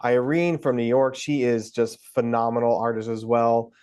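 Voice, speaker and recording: A man's voice: medium pitch, little pitch movement, normal speed, a little mellow, clean tone. Enthusiastic male podcast co-host. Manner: enthusiastic, gushing praise. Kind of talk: casual podcast chat.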